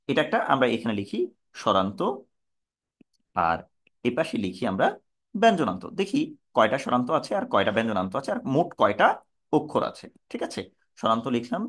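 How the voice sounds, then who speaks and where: A man with a Bangladeshi Bengali accent teaching a lesson, breaking words into syllables slowly and answering his own questions. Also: mid-range voice, fairly bright tone.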